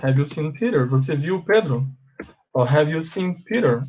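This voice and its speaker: A man with a Brazilian accent, teaching a live class as an English teacher. He repeats examples slowly and puts questions to his students. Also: a little high, animated, a little mellow, slight background noise. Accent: Brazilian Portuguese.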